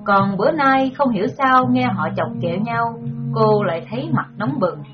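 A woman's voice: on the high side, lively intonation, normal speed. Brief: woman storyteller, hesitant reading with fillers, muffled recording, music underneath. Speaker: narrator.

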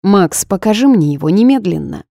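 A woman voicing a brash, bossy young woman who is a pushy friend, speaking loudly and emphatically. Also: mid-range voice, animated, normal speed, gravelly, no echo, studio quality, pitched above the performer's own voice. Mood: indignant. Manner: loud, emphatic, commanding.

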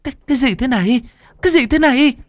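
A man's voice: extremely high pitch, extremely slow, fairly bright tone, no room sound, studio quality, pitched above the performer's own voice, heavily acted. A man doing a stammering, terrified young woman. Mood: panicked. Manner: stammering, panicked.

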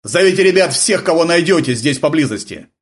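A man's voice: fairly high pitch, animated, brisk, pitched above the performer's own voice, natural voice. A man voicing a stern, tense naval senior lieutenant who gives curt, commanding orders in an audiobook. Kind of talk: audiobook character voice.

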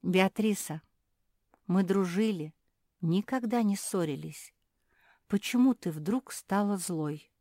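A woman voicing a kind, gentle female singer who speaks calmly and soothingly to a friend in a children's storybook. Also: mid-range voice, slow, pauses often, dry recording, studio quality. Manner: soft, calm, soothing.

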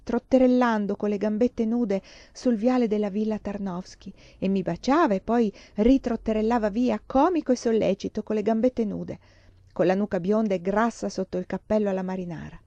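A woman reading a novel aloud in a measured storytelling manner. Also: mid-range voice, mellow, dry recording, dull audio. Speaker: reader.

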